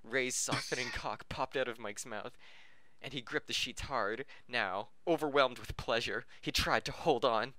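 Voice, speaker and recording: A man with a medium-pitched, sharp-toned voice reads a story at a measured pace, with no room sound. As an amateur podcast host, he keeps interrupting himself to laugh, toss in jokes and fix his slips.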